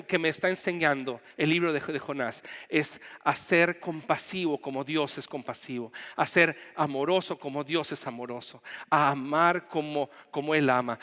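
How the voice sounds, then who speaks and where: Impassioned pastor in a reverberant church. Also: male voice, a little high, fairly bright tone. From Chile. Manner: impassioned preaching, rising to fervent pleading. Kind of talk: sermon. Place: church sanctuary. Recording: long church hall reverb.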